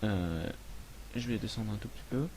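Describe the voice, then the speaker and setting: A man hosting a casual software tutorial, thinking aloud as he works, with frequent hesitations and friendly, self-mocking asides. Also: lowish voice, normal speed, a little hiss or hum. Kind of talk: casual screen-recorded tutorial.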